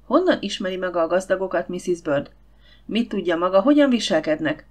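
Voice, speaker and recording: A woman's voice: fairly low pitch, animated, darkish tone. Woman reading as a flustered young lady scholar. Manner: hesitant and reluctant.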